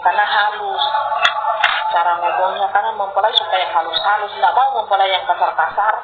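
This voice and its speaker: A woman's voice: medium pitch, fairly even intonation, a little fast, loud music behind the voice. Woman preacher on a tinny live stream. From Sulawesi, Indonesia. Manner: chatty, laughs often, addresses listeners directly. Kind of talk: live-streamed sermon talk.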